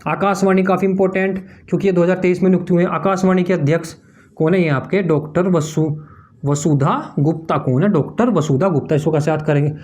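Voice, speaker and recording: A man's voice: high-pitched, steady tone, fairly quick, darkish tone. A man of teaching exam memory tricks, repeating each answer as a question-and-answer drill while writing on a board. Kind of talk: mnemonic tricks lesson.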